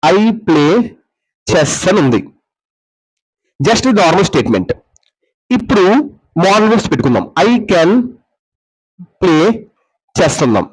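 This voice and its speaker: A man's voice: a little high, very animated, slow, long pauses, slightly rough, low-quality recording. A man teaching English grammar, explaining in mixed with English and often checking that his students follow. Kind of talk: classroom grammar lesson.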